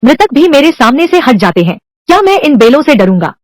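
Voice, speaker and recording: A woman's voice: high-pitched, big pitch swings, brisk, dry recording. A woman dubbing a drama, voicing a brash and combative time-travelling agent who now lives as a young wife. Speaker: dub voice actor. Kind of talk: dubbed drama dialogue.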